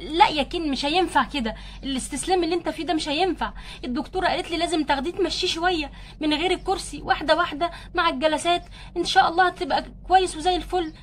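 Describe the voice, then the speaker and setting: A woman voicing a caring, brisk young wife doll in an Egyptian Arabic accent, coaxing and a little bossy. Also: extremely high pitch, a little hiss or hum. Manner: coaxing, bossy but tender. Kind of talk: doll play acting.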